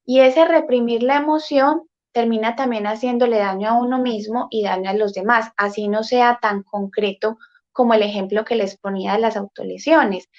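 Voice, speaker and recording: Calm explaining woman, muffled audio. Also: a little high, moderate pace. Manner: calm, explanatory, with frequent "eh" fillers. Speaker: guest therapist. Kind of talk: explaining in an interview.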